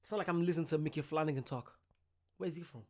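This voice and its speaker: A woman's voice: deep voice, rapid-fire, a little mellow. A woman hosting a reaction video who thinks aloud in a puzzled, casual way.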